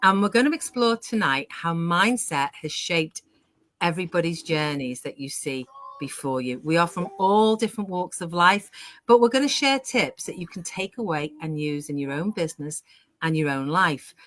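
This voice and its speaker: Bright-voiced upbeat woman in her sixties. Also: on the low side, animated, normal speed. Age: 60s. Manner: enthusiastic, upbeat. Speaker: host. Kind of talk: live online panel hosting.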